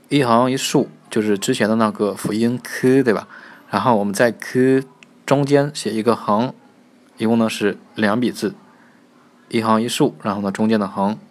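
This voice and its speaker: A man teaching a Korean pronunciation lesson. He explains quickly, then slows right down to repeat each model sound several times. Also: lowish voice.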